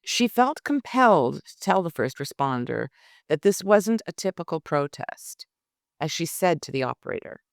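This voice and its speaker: A woman hosting a podcast, telling the story in measured, pointed scripted narration. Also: low voice, very animated, vocal fry, no echo, studio quality. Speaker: podcast host.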